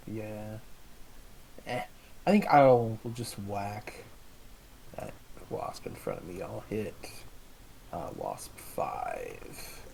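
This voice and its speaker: A man's voice: on the low side, wildly swooping pitch, drawn-out words, gravelly, long pauses, a little mellow, a little hiss or hum, poor audio. A man playing a tabletop game in casual chat, hesitant and full of "uh"s. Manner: hesitant, many "uh"s. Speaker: player.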